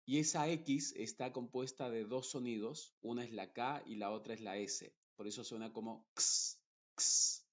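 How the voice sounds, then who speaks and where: A man teaching pronunciation, speaking deliberately and repeating example words carefully, one at a time. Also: medium pitch, fairly even intonation, muffled recording. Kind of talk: slow, deliberate pronunciation lesson.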